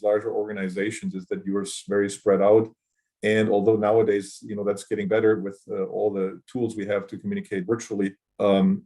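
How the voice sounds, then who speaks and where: A man speaking as a panelist in an online panel discussion, measured and a little hesitant. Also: lowish voice, darkish tone, poor audio. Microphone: video call.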